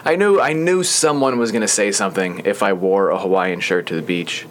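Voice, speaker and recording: There's a light hiss or hum behind this brisk, lowish male voice. A young man hosting a podcast in a small studio, he rambles through a casual chat packed with fillers.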